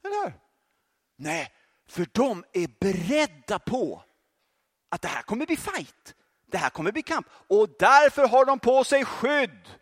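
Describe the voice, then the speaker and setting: A male preacher giving a lively sermon, joking and speaking directly to the congregation. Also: high-pitched. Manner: animated, joking, addresses audience directly.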